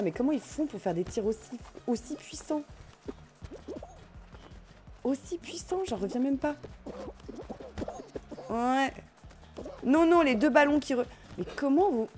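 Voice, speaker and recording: A young woman streaming a party game, commenting in an excitable, laughing, self-mocking way. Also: high voice. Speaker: gaming streamer. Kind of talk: live let's play commentary. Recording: faint game music behind.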